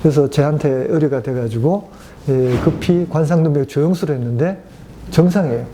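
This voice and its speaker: Mellow-voiced Korean doctor telling a case story. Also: male voice, fairly high pitch, fairly quick, a little hiss or hum. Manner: explanatory, storytelling, many fillers. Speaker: cardiologist. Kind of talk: medical talk show conversation.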